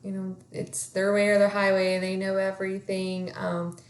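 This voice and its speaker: Woman, 30s, stuffy nose from a cold, halting and filler-heavy self-introduction, slightly roomy recording. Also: mid-range voice, monotone. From Kansas, USA. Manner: hesitant, many fillers. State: congested with a cold. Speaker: student introducing herself.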